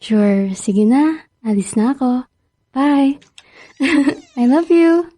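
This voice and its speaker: Francesca, a flirty mistress. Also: female voice, high-pitched, animated, extremely slow, warm tone, full character voice. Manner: teasing, giggly. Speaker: voice actor. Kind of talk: radio drama acting.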